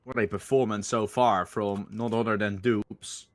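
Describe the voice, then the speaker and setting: A man's voice: lowish voice, steady tone, a little slow. A man doing live esports commentary as a caster, calling the play in short, clipped phrases. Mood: excited.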